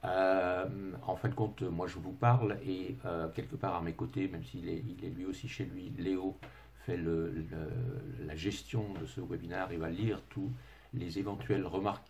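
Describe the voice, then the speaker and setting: With a deep, creaky, warm voice and a little hiss or hum on the recording, an Englishman in middle age presents a webinar in French, his second language, carrying an English accent. As a consultant he stumbles along with fillers and restarts, adding dry jokes at his own expense.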